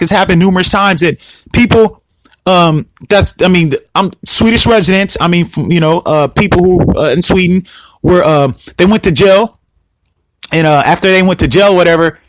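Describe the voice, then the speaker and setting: High-voiced man ranting heatedly. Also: fairly bright tone, no echo, low-quality recording. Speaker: podcast host. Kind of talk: solo podcast rant.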